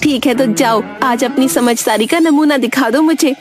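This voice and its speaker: A high-voiced village wife, played by a woman who scolds her foolish husband with exasperation. The cartoon dialogue plays over clear music. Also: moderate pace, close to an everyday voice. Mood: scolding. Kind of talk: cartoon voice acting. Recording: music behind voice.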